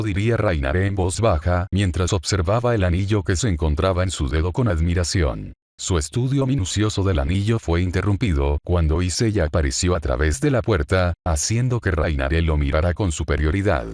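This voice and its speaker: A man narrating a fan story in a steady, dramatic storytelling manner. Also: deep voice, normal speed, few pauses, no echo, clean studio sound.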